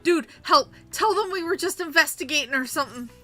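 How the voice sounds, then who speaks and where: A woman voicing a brash, excitable teenage boy sidekick from a video game. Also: on the high side, normal speed, faint music behind. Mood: panicked, pleading.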